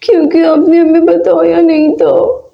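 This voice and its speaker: A woman's voice: very high-pitched, level tone, measured pace, creaky, exaggerated voice. A woman voicing a meek young girl doll who stammers and apologizes, on a slightly muffled recording. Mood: apologetic. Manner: hesitant, stammering.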